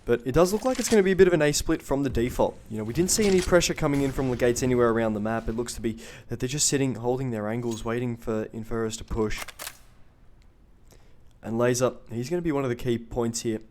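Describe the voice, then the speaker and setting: A man giving play-by-play commentary on a competitive shooter match, quick and jokey with banter. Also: mid-range voice, a little mellow, a little hiss or hum. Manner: jokey, banters with a co-caster off mic. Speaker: esports caster.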